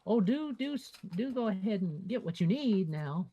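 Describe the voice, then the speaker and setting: Guy doing a friendly folksy shop lady, high hesitant husky voice, tabletop rpg. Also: very animated, normal speed, highs cut off, exaggerated voice. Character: friendly, chatty small-town shopkeeper woman.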